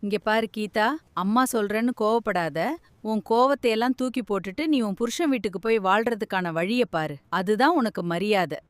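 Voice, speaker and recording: A woman's voice: mid-range voice, brisk, dry recording, lightly acted. A woman acting as a strict mother in a family drama, lecturing and giving orders.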